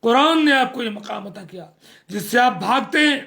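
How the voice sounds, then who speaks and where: A man's voice: extremely high pitch, expressive, creaky, sharp tone. A man preaching a sermon, earnest and scolding, repeating phrases for emphasis.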